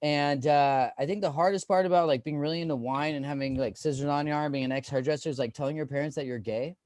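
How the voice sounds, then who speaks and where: Rambling stand-up comic, man, high-ish. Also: steady tone, fast talker, a little mellow, no echo, clean studio sound. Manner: rambling, filler-heavy, self-deprecating. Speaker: comedian. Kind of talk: stand-up comedy set.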